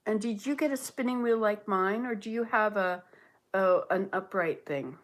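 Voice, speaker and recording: A Canadian woman in her late sixties hosts a casual livestream, musing aloud and responding to viewer comments as she reads them. Her voice is mid-range and her speed normal.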